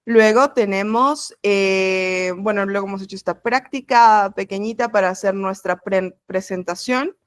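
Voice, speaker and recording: A woman's voice: medium pitch, measured pace, few pauses. A woman teaching an introductory French class online, explaining step by step in a patient way over a video call.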